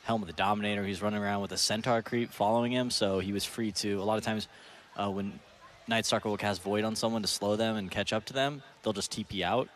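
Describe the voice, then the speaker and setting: A man's voice: on the low side, fairly even intonation, quick pace, a bit bright, slight background noise. A man on an esports panel, explaining a play casually. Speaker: analyst panelist.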